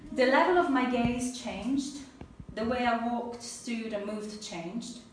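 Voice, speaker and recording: A woman with an Italian accent gives an earnest, animated personal talk to an audience in an event room, then takes questions, laughing easily. Her voice is fairly high and she speaks slowly. The mic is distant, the room echoey, and there's faint noise.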